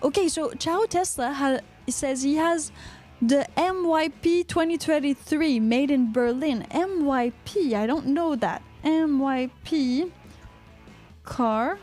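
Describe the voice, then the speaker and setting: A woman's voice: high voice, takes it slowly, darkish tone, faint music behind. A woman from Quebec with a Québécois French accent, hosting a casual live podcast and chatting through viewer comments, often repeating words as she reads. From Quebec, Canada. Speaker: podcast host reading live chat. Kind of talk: casual livestream chat.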